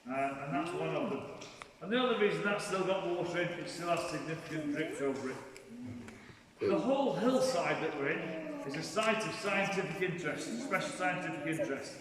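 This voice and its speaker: Male cave guide, high register, explanatory tour patter, very echoey space with visitors murmuring around him. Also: lively intonation. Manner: explanatory, echoing cave-guide delivery with deliberate pauses. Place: inside a large show cave. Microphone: camera among the visitors, away from guide. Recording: echoey cave, distant mic, group chatter.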